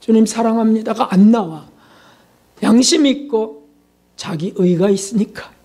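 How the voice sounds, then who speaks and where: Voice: medium pitch, measured pace, dark tone. Emphatic pastor preaching a sermon. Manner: emphatic, rhetorical questions, repeats key words.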